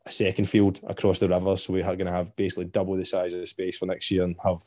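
Low scottish guy rambling on a podcast, lots of ums and restarts, dry sound. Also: monotone, quick pace, dark tone, no echo. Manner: rambling, many fillers and restarts. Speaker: podcast guest, festival organizer. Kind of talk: casual podcast chat.

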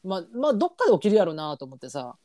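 Female podcast co-host, Kansai accent, casual chat with very animated intonation in a dry, close recording. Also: mid-range voice, very fast, dry recording.

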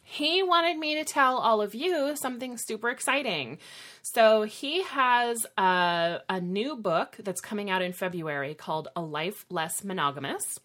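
A woman's voice: mid-range voice, unhurried, fairly bright tone. A woman hosts a casual podcast chat, chatty and upbeat, laughing often. Her voice sits in an ordinary middle range. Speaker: podcast co-host.

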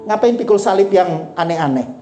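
A woman pastor preaches with a mellow, darker tone, repeating her points and often calling out "Amin". Her voice rings in a roomy church hall, with soft instrument music faintly underneath. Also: fairly low pitch, expressive, brisk, dull audio. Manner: exhorting, repeats phrases, frequent "Amin". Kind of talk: sermon.

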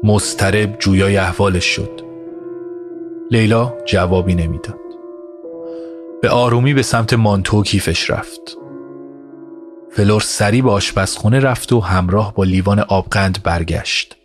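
A man narrating an audio story in a measured, even way. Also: fairly low pitch. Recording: narration over music score. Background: music score.

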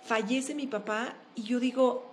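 A Mexican woman, an open-water swimmer, talking in a casual interview in an animated, emphatic way and firing off rhetorical questions. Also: fairly high pitch, a little slow, a little hiss or hum.

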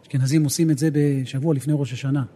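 A rabbi teaching a Torah lesson, an animated storyteller who rises to emphatic outbursts. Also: male voice, mid-range voice, slightly rough.

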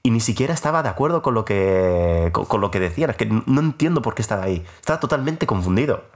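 A man's voice: on the low side, lively intonation, fast talker. A young man in his twenties hosting a podcast, telling a personal story in a casual, rambling, self-mocking way with many filler sounds.

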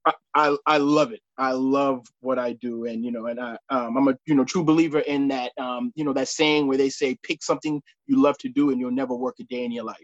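Appearing as a guest on a podcast, an American sports referee in his late thirties talks informally, hesitating and repeating himself frequently. His voice sits at medium pitch with fairly even intonation, and the recording is muffled but echo-free.

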